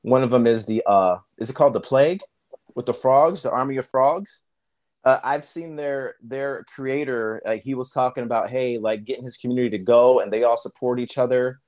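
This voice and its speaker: A man's voice: medium pitch, moderate pace, darkish tone. Rambling male podcast co-host. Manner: rambling, loose with fillers. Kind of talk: casual podcast chat.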